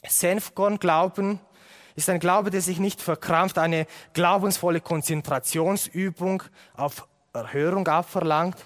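A man's voice: high-pitched, fairly even intonation, measured pace. A man preaching a sermon to his congregation, earnest and building his points through repeated phrases. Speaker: pastor.

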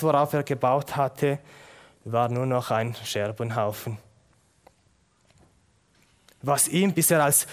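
Earnest male preacher, slightly high voice. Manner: earnest, rhetorical questions, slows for emphasis. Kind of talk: sermon.

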